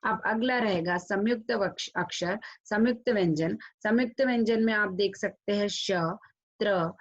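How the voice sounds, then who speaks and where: A woman teacher giving a recorded lesson to children, drawing sounds out slowly and mixing English words into her speech. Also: mid-range voice, muffled recording. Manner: slow, drawn-out pronunciation of sounds for children; mixes English words into Hindi. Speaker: school teacher.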